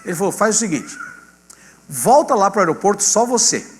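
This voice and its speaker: A male pastor with a Brazilian Portuguese accent, telling a testimony in a sermon and acting out the dialogue in an animated way. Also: sits high, normal speed. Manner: animated storyteller acting out dialogue, addressing congregation as "gente". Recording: long hall reverb with mains hum.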